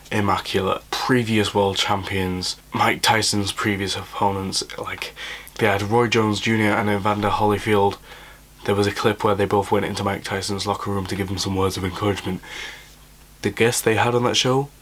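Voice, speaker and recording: A young man, a boxer, casually reviewing a fight card to camera, keeping his voice down late at night, blunt and opinionated with lots of fillers. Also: fairly low pitch. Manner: speaking quietly late at night.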